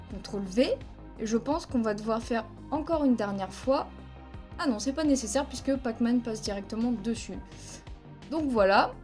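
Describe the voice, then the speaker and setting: Woman giving a step-by-step software tutorial. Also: on the high side. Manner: steady step-by-step explaining, counting frames aloud. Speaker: video editing instructor. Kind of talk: screen-recorded software tutorial. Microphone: headset mic.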